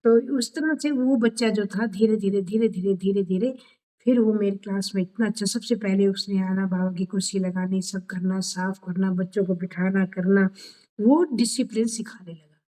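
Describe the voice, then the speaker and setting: Mellow-voiced older woman telling a story. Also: medium pitch, normal speed, rough recording. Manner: animated, acts out dialogue with children. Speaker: speaker at a devotional session. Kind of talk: storytelling talk. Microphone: video call.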